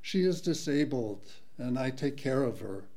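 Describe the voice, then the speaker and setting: A man's voice: medium pitch, expressive, a little slow, mellow. A man playing a detained widower from Mexico who runs a construction business and sounds bewildered and pleading. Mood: calm. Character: anxious detained widowed male business owner.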